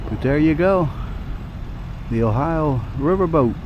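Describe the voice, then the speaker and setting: A man's voice: on the high side, animated, unhurried, lo-fi sound. Guy w/ easygoing ish drawl, casual ride vlog, traffic noise behind him. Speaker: vlogger. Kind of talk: casual vlog chat while riding. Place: outdoors on an e-bike ride. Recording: clear outdoor traffic and vehicle noise.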